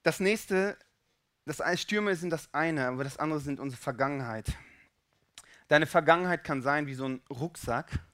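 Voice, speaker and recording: A man preaching a casual, colloquial sermon, swinging between loud urgent pleas and quiet, intimate low passages. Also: normal speed. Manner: casual colloquial speech with fillers.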